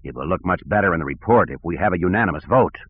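A man's voice: deep voice, animated, racing, husky, no echo. A man doing a calculating horned alien clerk. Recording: tinny phone-like audio.

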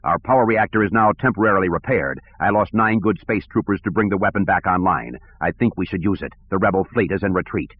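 Man reading as a no-nonsense soldier captain, low and clipped, lo-fi. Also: quick pace, hardly any pauses, husky, no echo. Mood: urgent. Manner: firm, clipped. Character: blunt, urgent male soldier captain. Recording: tinny phone-like audio.

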